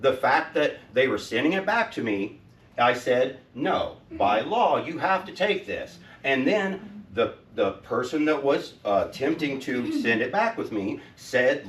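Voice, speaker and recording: At a public meeting in a school district office lobby, a loud man of medium pitch presses the school board with questions. He's insistent but working to stay calm, even saying he's trying to speak softly. The recording has a roomy echo from a distant mic, with faint noise in the background.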